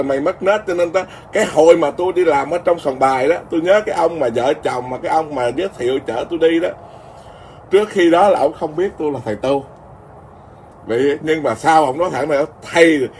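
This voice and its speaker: Rambling monk, high-ish voice. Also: male voice, a little mellow, a little hiss or hum. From Vietnam. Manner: rambling, colloquial storytelling with many restarts. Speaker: Buddhist monk. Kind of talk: informal Dharma talk.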